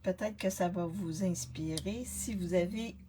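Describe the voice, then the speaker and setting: A woman's voice: on the low side, unhurried, very noisy. A retired woman, casually chatting on a live card-making stream and greeting viewers by name, with lots of fillers and restarts. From Canada. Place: home craft workspace. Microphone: laptop webcam on a desk.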